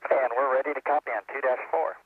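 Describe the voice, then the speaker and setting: A husky-voiced man reads back figures in short, businesslike radio callouts. His voice comes through a thin, tinny space-to-ground radio link with a narrow, phone-like band. He keeps an even pitch throughout. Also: fast talker, dry recording. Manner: clipped, businesslike. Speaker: shuttle crew commander. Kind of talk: radio procedure callouts and readbacks.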